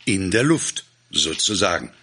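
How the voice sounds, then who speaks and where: A man's voice: deep voice, very animated, measured pace, bright, forceful tone, breathy edge, exaggerated voice. A man voicing a boastful, clumsy male village guard who rambles through a speech to farmers. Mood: blustering. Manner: pompous, rambling, flustered.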